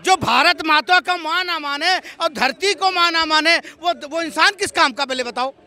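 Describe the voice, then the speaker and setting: A man's voice: very high voice, normal speed, pushed and bright. A man arguing heatedly as a street interviewee, insisting on being heard and repeating his points. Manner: insistent, repeats himself, talks over others.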